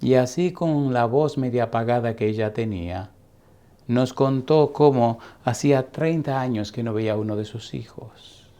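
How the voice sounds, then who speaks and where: A middle-aged male pastor telling a story in a sermon, speaking slowly and deliberately with dramatic pauses. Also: mid-range voice, warm tone.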